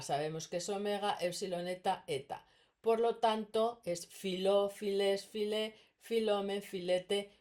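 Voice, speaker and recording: Lady teacher going over grammar slowly, kinda low voice, keeps asking "eh?". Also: a little mellow. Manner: patient, checks in with quick "¿eh?" and "¿mm?". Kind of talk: explaining grammar to students.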